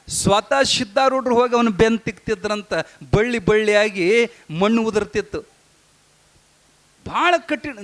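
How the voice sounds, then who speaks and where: A high-pitched man with a North Karnataka Kannada accent tells a sermon as a story. His voice rises and falls as he acts out each character's lines. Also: a bit bright. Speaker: preacher.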